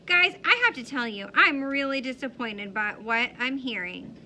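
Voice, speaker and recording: A woman's voice: high voice, expressive, normal speed, bright, forceful tone, a little hiss or hum, heavily acted. A woman voicing a stern but caring mother of two boys, earnest and scolding.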